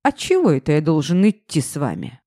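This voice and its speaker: A woman voicing a pushy, drunken ex-husband who talks cocky and loud. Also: sits low, huge pitch swings, brisk, dry recording, studio quality, heavily acted. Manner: boisterous, cocky.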